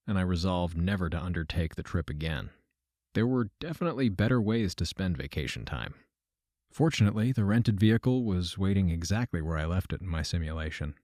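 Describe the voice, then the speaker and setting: A low-pitched man, lightly acted, tells an audio drama story in the first person about traveling between simulations. He plays a wry, matter-of-fact character with deadpan delivery and long-winded, formal wording. The recording has no echo, with music beneath the voice.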